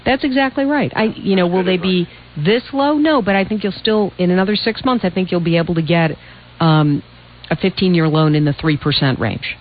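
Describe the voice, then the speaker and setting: A woman's voice: fairly low pitch, brisk, muffled recording. A woman hosting a radio call-in show, giving direct, explanatory advice in a conversational way. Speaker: radio call-in host, financial adviser.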